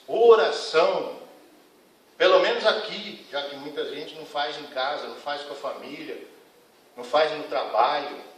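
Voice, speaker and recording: A man's voice: on the high side, normal speed, a bit bright. A man giving a spiritist lecture to a congregation, earnest and admonishing, speaking frankly to the audience. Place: lecture hall of a spiritist center. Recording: echoey hall, mic at a distance.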